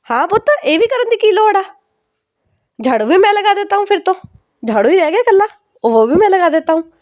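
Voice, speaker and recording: A woman's voice: very high voice, very animated, a little fast, a little mellow, dry recording, pitched above the performer's own voice. A woman voicing a sarcastic middle-aged father with a Punjabi accent, teasing his daughter.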